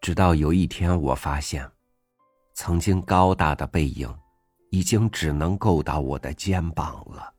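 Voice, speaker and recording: A man with an extremely deep, low voice reads a first-person essay in a gentle, reflective manner. His voice is close and dry, recorded on a studio mic. Soft music plays faintly behind him. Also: a little slow, no echo. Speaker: audiobook host reading an essay. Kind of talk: scripted narration.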